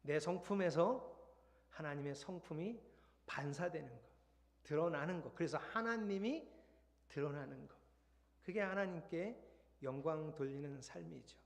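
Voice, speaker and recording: A man's voice: fairly high pitch, unhurried, creaky, long pauses. A man preaching a Sunday sermon as pastor in a conversational style that builds to emphatic points. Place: church sanctuary. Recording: long hall reverb.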